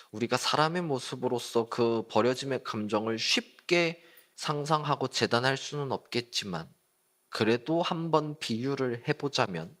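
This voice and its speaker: A man's voice: medium pitch, fairly bright tone. Man preaching a youth service. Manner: conversational preaching, asks the congregation questions. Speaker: youth group pastor. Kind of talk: sermon. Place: church service.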